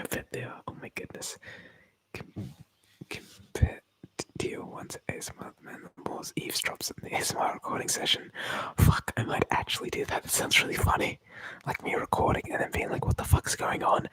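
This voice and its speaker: An ASMR streamer whispers through a livestream, rambling and joking while reading viewer comments aloud. His voice comes across pushed and bright, with no room sound, in a rough recording.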